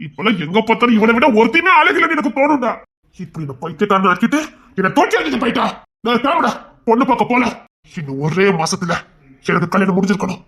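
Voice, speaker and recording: A man's voice: extremely high pitch, a bit bright, full character voice. A man voicing a bitter, stubborn jilted young man in an audio drama, speaking in a brooding, resentful, emphatic way. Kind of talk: Tamil audio drama acting.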